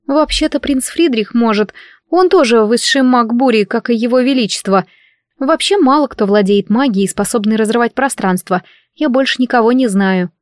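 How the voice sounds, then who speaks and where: Woman voicing a young maid, gossipy, prim, chirpy, storybook, pitched up, dry. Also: normal speed, darkish tone, no room sound, natural voice. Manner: chirpy, scandalized.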